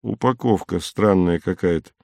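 A terse, respected veteran leader, read by a man in an audiobook. His voice is low and close, with no room around it. He speaks in short, gruff remarks. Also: normal speed, a little mellow, dry recording. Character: seasoned, respected older male expedition leader.

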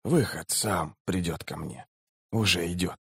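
A man voicing a dying male mage who speaks quietly, slowly and with a wheeze. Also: fairly low pitch, husky, no echo, clean studio sound. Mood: weak, sly.

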